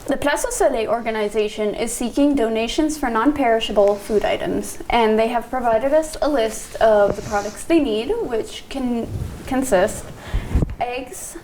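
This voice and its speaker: A woman's voice: on the high side, moderate pace, a little mellow, slight background noise, poor audio. A woman co-hosting community radio, reading local notices plainly and teasing her co-host. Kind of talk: community radio announcements and banter.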